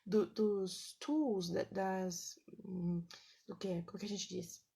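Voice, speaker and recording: A woman's voice: medium pitch, steady tone, slow, gravelly, dark tone, slightly rough. A woman, casually teaching on a live stream, chatty, with lots of fillers and checks with her viewers. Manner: greets viewers by name between points.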